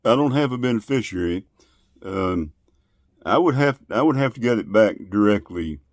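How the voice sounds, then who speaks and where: A man in casual phone conversation, asking questions in a polite, deliberate, long-winded way. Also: fairly low pitch, animated, no echo, studio quality. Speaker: call recipient.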